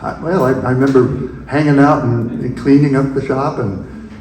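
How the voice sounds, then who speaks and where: A man's voice: mid-range voice, steady tone, darkish tone, a little hiss or hum. Older man reminiscing in an echoey room. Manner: rambling, halting storyteller with chuckles. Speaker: invited speaker. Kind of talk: telling personal memories at an event. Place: room at a museum event.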